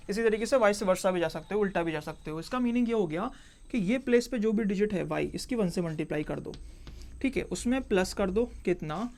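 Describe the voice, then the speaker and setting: A male math teacher walks through a problem at the board, one step at a time. He repeats each point and checks in with his students as he goes. He slips English math terms into his explanation. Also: sits high. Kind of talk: board-work math lesson.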